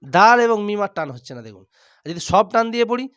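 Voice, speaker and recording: A man teaching Quran reading step by step, drilling letters aloud and slowly repeating each word. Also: sits high, big pitch swings, fairly bright tone, clean tone, no room sound, dull audio. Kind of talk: step-by-step recitation lesson.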